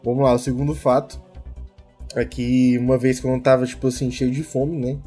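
A man's voice: mid-range voice, little pitch movement, brisk, dark tone, slightly rough, faint music behind. A young man with a Brazilian Portuguese accent, telling personal stories in a slangy, jokey, rambling chat among friends. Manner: slangy, jokey, rambling with frequent tag questions.

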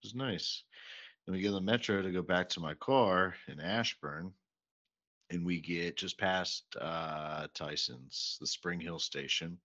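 Man in his thirties, low bright voice, swearing casual podcast chat on a dull lo-fi mic. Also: measured pace. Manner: profane storytelling, exasperated. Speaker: podcast co-host.

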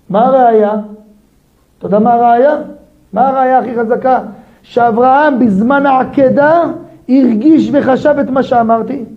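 A man, a rabbi, giving a daily Torah lesson in a lively way, firing rhetorical questions at his listeners. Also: very high-pitched. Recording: dull lo-fi recording.

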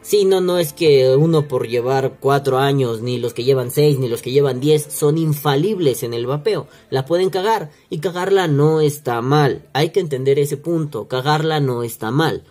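Recorded on one home setup, a man with a Mexican accent hosts a vaping podcast and delivers a profane, slangy rant, mocking others and voicing the people he quotes. His voice is on the high side and darkish in tone, at a moderate pace with few pauses.

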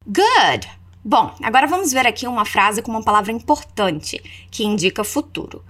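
Lively woman teaching English. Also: fairly high pitch. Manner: slows down to model English phrases, then explains in Portuguese. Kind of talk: language lesson with repeat-after-me drills.

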